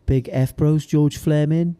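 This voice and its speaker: Young male, Welsh Valleys accent, dark soft-edged voice, laddish casual podcast chat. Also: a little high, steady tone, measured pace, clear, resonant tone. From South Wales valleys. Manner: laddish, sweary, colloquial. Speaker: podcast co-host, amateur bodybuilder.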